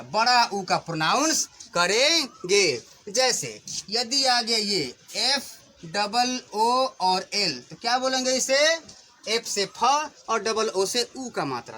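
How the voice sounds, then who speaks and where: A male teacher with a high, bright voice patiently leads children through a lesson on English pronunciation. He questions them, answers his own questions, and stresses each example word loudly and firmly, over a faint hiss.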